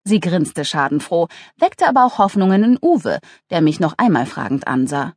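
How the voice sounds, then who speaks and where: A woman narrating a humorous novel with a lively, ironic delivery. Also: moderate pace, no room sound, clean studio sound. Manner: lively, ironic, voices characters with raised pitch. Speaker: audiobook narrator.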